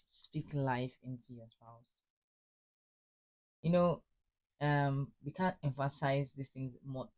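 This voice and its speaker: A woman's voice: extremely low pitch, darkish tone, highs cut off. A middle-aged woman giving earnest, encouraging marriage advice and repeating phrases for emphasis. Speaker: marriage advice channel host. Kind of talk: casual advice talk to wives.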